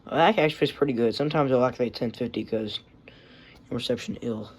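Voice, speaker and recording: In a quick, mid-range voice with a breathy edge, a radio collector gives an offhand show-and-tell vlog. He rambles and swears, recording everything on a handheld phone.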